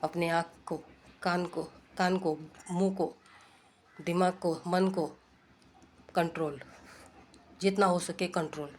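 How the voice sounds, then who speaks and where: A woman's voice: lowish voice, steady tone, slow, pauses often, darkish tone, a little hiss or hum. A woman delivers an informal sermon in an earnest, exhorting way. She repeats her points and keeps checking in with her listeners through rhetorical questions, as in a casual home talk. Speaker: preacher.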